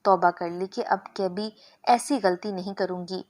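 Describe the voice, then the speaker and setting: Female storyteller, scripted first-person narration, steady and measured delivery. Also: on the low side.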